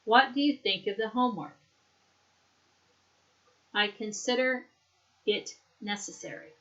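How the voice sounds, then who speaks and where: A woman teaching an English lesson, speaking slowly and carefully so students can repeat after her. Her tone is bright, and she patiently breaks down how words sound. The recording is dull and a little lo-fi. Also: fairly high pitch. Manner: patient, explains words and pronunciation. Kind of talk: slow classroom drill, repeat after me.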